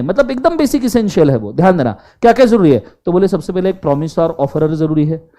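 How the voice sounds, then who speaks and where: A man teaching law in a classroom lecture, mixing Hindi and English and often asking the class to answer aloud. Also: high voice. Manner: animated, quizzes the class in Hindi mixed with English.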